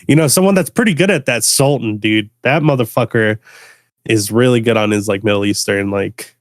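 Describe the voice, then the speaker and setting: A man's voice: on the low side, moderate pace, dry recording, studio quality. A young adult man from the United States, a guest producer chatting casually on a podcast, laid-back, laughing often and repeating his words. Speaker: guest bass music producer.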